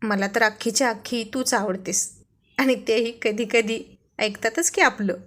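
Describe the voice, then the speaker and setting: A woman's voice: on the high side, a little slow, a bit bright. A woman voicing a playful, teasing young husband in a read-aloud story. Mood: affectionate. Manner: teasing, affectionate.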